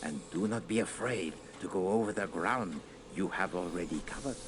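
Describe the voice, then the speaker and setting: An actor voicing a fussy, formal middle-aged detective in a video game, speaking precise, slightly stilted English. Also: male voice, deep voice, normal speed, natural voice. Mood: instructive. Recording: game audio with clear background noise.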